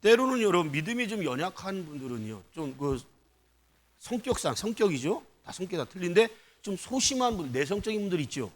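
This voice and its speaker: In a church sanctuary, a male pastor with a high voice preaches briskly, his pitch swinging widely. He questions the congregation and calls for their responses.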